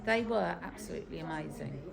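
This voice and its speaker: A woman's voice: low-pitched, expressive, a little fast, gravelly. A woman giving an interview answer as a contest judge. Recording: busy crowd chatter around the voice.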